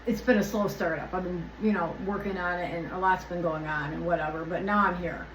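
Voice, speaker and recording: A woman's voice: fairly low pitch, steady tone, fairly quick, a little hiss or hum. A woman doing an oracle card reading on her channel, talking in a rambling, irritated way and swearing often as she rants. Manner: rambling, loses her train of thought. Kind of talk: casual spoken card reading vlog. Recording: echoey room with faint ambience.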